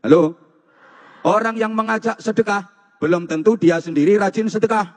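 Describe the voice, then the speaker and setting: A man's voice: sits high, normal speed. A man with a Javanese accent giving a humorous sermon to students, teasing his audience and repeating phrases in a rhythmic, jokey way. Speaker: preacher. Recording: long hall reverb.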